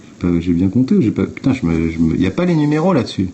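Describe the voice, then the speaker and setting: A man's voice: low-pitched, very animated, quick pace, dark tone, muffled recording, a little hiss or hum. A man on a phone livestream, talking to viewers in a blunt, informal way and explaining step by step. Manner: blunt, informal, swears, addresses viewers directly. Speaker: livestream host. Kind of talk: casual explanatory livestream talk.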